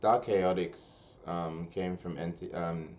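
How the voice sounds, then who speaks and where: A man's voice: sits low, steady tone, slow, a little mellow, slight background noise. A young man hosting a casual gaming podcast, rambling with lots of restarts and slang. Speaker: podcast host and tournament organizer. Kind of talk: casual chat.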